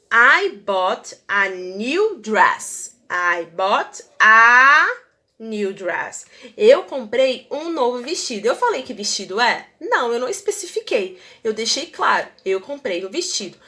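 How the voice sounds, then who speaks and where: A woman's voice: on the high side, fairly bright tone. A woman whose first language is Portuguese, teaching English grammar and checking in with her students as she explains. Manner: slow, repeats English words for pronunciation; checks in with tag questions to students.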